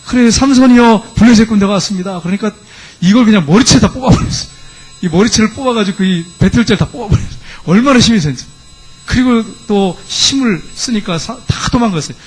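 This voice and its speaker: A middle-aged man preaching in a fairly high voice, pitched well above most men. He retells a scripture story with lively drama and acts out the characters' lines himself. He speaks from the pulpit of a church. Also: quick pace, breathy edge. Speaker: pastor. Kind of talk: sermon. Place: church sanctuary.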